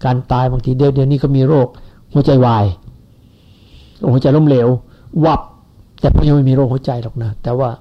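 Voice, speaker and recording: A man's voice: mid-range voice, fairly even intonation, fairly quick, pauses often, slight background noise. A man in his seventies giving a rambling, folksy Buddhist sermon to followers. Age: 70s. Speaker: Buddhist teacher. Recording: lo-fi dull recording.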